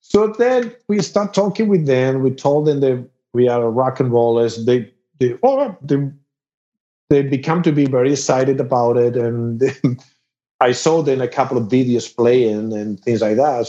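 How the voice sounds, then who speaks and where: A man's voice: mid-range voice, muffled recording. Spanish-accented man telling a story, laughing. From Spain. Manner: animated, laughs through the story, halting non-native grammar. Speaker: rock musician. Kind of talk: casual anecdote telling.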